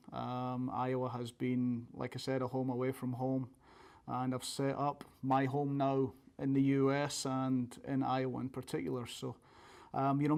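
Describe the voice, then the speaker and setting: Male coach, thick Scottish accent, medium pitch, level intonation, informal interview delivery. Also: creaky, darkish tone. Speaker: college soccer coach.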